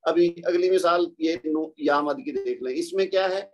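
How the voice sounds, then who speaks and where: A man's voice: fairly high pitch, normal speed. Patient man teaching recitation rules. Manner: patient, explanatory, asks and answers his own questions. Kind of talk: tajweed lesson.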